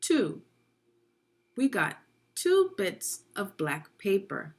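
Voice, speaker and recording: Reading at a slow pace with plenty of liveliness, a woman with a mid-range voice leads young learners through a children's science book. She acts as a teacher, giving instruction and asking the listeners questions as she goes.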